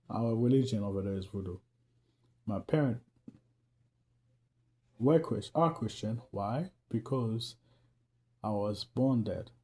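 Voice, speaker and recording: A Haitian man with a Haitian accent speaks to camera as a faith vlogger, chatting loosely and earnestly with his viewers about faith and growth. His voice is on the low side and warm, and he laughs often.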